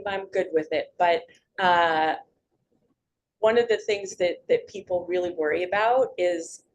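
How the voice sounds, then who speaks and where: A middle-aged woman speaking in a slightly low voice, chatty and upbeat as she presents to a community meeting. She keeps checking in with her listeners as she goes. A faint hiss of room noise sits under her voice. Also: low-quality recording. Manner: chatty, upbeat, frequent "right?" check-ins. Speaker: guest speaker on public speaking.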